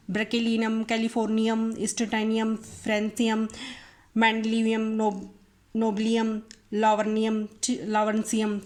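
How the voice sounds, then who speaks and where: A woman teaching a casual chemistry lesson, chanting mnemonics slowly and often repeating herself. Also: on the high side. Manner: conversational, frequent fillers and self-corrections.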